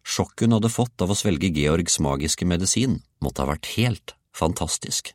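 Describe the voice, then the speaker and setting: Deep, lively male storyteller. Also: no room sound, studio quality. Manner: lively, expressive reading. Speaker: audiobook reader. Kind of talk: storybook narration.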